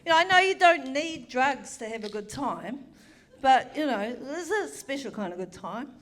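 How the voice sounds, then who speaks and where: A woman's voice: high-pitched, lively intonation, normal speed, fairly bright tone. A middle-aged woman telling a comic story on a theatre stage, frank, bawdy and self-mocking, with chatty asides.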